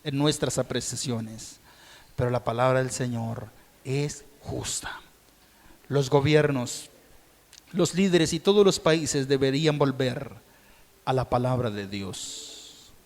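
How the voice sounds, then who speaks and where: Colombian pastor preaching in a reverberant hall. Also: male voice, mid-range voice, slow, pauses often. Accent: Colombian Spanish. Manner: swings between calm teaching and loud shouted peaks; addresses congregation directly, rhetorical questions. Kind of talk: sermon. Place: church sanctuary. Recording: long reverb of a church hall.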